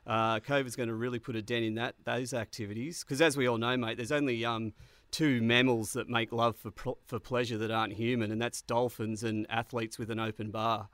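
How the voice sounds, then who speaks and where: A man with a broad Australian accent chats as a comedy co-host. He is blokey and sweary, rambling and halting through casual satirical sports banter. The sound is close and dry, with little room around the voice. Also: mid-range voice, flat delivery, a bit bright, no echo.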